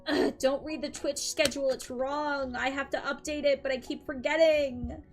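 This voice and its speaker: This is casual live-stream chat from a young woman between tarot readings, with soft music in the background. She speaks at normal speed in a high voice with fairly even intonation, slightly dry-throated, upbeat and chatty with frequent "um"s and light laughter.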